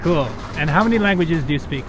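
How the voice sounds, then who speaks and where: Higher-pitched upbeat man interviewing on the street. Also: lively intonation, moderate pace. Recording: outdoor street with clear traffic noise.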